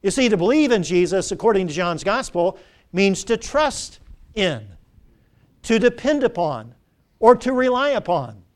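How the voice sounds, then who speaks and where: A man's voice: high voice, sing-song, unhurried. A middle-aged man preaching a sermon, asking the congregation questions and repeating key phrases.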